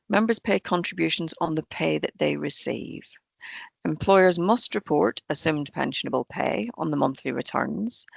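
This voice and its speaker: A pension fund trainer presents an online webinar for employers over a video call, her low voice croaky and hoarse. She is steady and explanatory, reading through the pension rules point by point, and the recording is dry.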